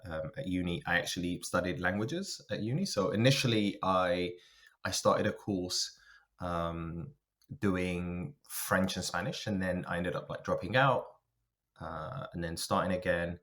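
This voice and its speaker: In a casual conversational interview, a low-pitched man with a fairly bright tone tells his career story as a podcast guest. He's a software engineer and linguist, and he thinks aloud while he talks.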